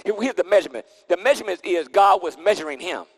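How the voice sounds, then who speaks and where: A man's voice: high voice, animated, quick pace, long reverb tail, poor audio. A man preaching a sermon into a pulpit microphone, emphatic and repetitive, with casual vernacular and call-and-response. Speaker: pastor.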